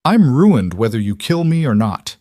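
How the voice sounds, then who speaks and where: A man's voice: lowish voice, lively intonation, normal speed, darkish tone, no echo, clean studio sound, lightly acted. A man voicing a desperate, ruined middle-aged mayor in an audio story, snarling and bitter.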